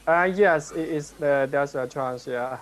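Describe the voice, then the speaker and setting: A man introducing himself on a video call with halting, brief answers. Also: on the high side. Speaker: meeting participant.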